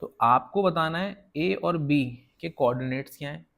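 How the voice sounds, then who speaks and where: A man's voice: fairly high pitch, gravelly, fairly bright tone. A man teaching a casual whiteboard math lesson, explaining step by step and often checking that viewers follow. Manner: counts slowly while drawing.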